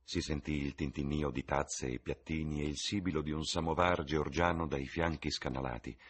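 Man, audiobook narrator, very deep, husky, expressive. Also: moderate pace. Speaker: reader. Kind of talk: audiobook reading of a novel.

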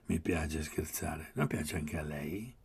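A man's voice: extremely low pitch, creaky, husky, exaggerated voice. A man doing a languid, whispering rich young man. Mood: hushed, languid. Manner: hushed, slow, half-whispered delivery. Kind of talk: audiobook character voice.

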